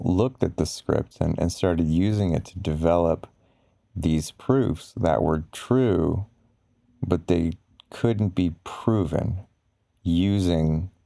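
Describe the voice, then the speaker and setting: A man giving slow bedtime pillow talk in an ASMR style, explaining ideas in a halting, rambling, casual way with frequent pauses. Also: sits low, gravelly, dark tone, dry recording, clean studio sound. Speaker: ASMR content creator.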